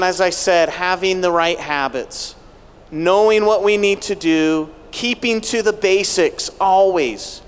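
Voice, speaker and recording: A middle-aged keynote speaker with a high, smooth voice delivers a motivational speech on a large arena stage, holding a handheld mic. He rallies the crowd with rhetorical questions, and long arena reverb trails his words.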